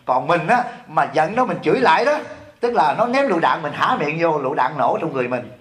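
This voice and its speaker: A middle-aged man from Vietnam, an abbot giving a sermon in a lively, joking way, often asking his listeners questions. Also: a little high, fairly quick. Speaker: abbot giving a dharma talk. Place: temple hall.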